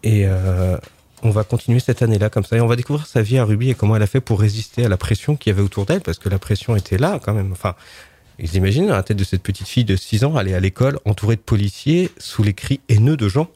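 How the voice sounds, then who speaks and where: A man's voice: on the low side, animated, fast talker, mellow. A man presenting book picks on a casual book show, chatty and hesitant with many fillers.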